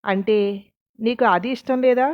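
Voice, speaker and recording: A woman's voice: a little high, moderate pace, no room sound, highs cut off, natural voice. A woman voicing a determined young woman in a storybook reading, speaking firmly and directly. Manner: firm, direct.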